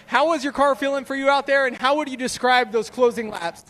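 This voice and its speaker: A man's voice: extremely high pitch, a little fast, a bit bright. A man interviewing drivers as a trackside reporter at a racetrack, upbeat. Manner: upbeat, rallying the crowd. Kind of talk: post-race interviewer.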